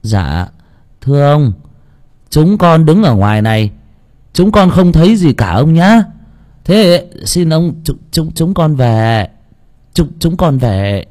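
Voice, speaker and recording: A man's voice: sits low, sing-song, normal speed, long pauses, mellow, breathy edge, pitched below the performer's own voice, full character voice. A man voicing a cheeky village boy who scolds his friend and grovels before the landlord. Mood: fawning. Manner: scolding, then fawning and stammering.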